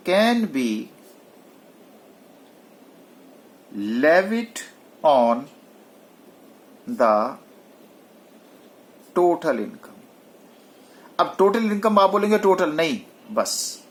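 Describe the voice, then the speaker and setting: A male tax lecturer with a lively, swinging voice, explaining step by step. He keeps asking students questions and then answers them himself, often switching to English technical terms. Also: fairly high pitch. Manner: mixes English technical terms into his speech. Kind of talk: recorded classroom lecture.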